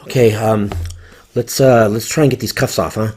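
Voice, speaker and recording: A woman's voice: a bass voice, steady tone, moderate pace, darkish tone, husky. A woman voicing a frightened young man in a horror story, stammering and panicked. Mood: tense. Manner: stuttering, panicked. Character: frightened young man confronting his killer ex.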